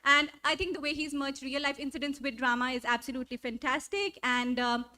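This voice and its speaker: A woman's voice: high voice, fairly even intonation, fairly quick, sharp tone. A woman with a North Indian accent hosting a live event, introducing guests in an effusive, enthusiastic style. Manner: effusive, gushing. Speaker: event host introducing panelists. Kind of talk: enthusiastic live stage presenting, mixing English and Hindi.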